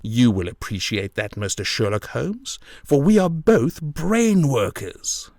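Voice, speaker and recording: A man's voice: medium pitch, animated, slow pace, a little mellow, no echo, clean studio sound, voice pushed up. A man voicing a boastful, self-satisfied police detective in an audiobook, with a gleeful, bragging manner. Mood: weary, proud. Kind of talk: audiobook character voice.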